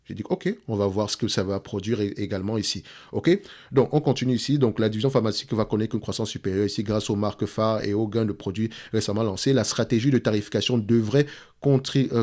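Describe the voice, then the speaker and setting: Homme au ton hésitant, voix grave. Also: male voice, lowish voice, a little mellow. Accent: French speaker's accent in English. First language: French. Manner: hesitant, repeats words, checks in with "d'accord?" and "ok?". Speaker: investment analyst, channel host. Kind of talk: screen-share stock analysis walkthrough.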